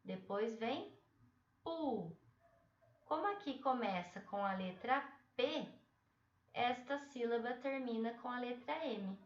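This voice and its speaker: A woman teacher slowly walking children through a spelling exercise, explaining step by step and checking in often to see if they follow. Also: fairly high pitch. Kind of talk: slow, patient spelling lesson for children. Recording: roomy, dull sound, distant from the mic.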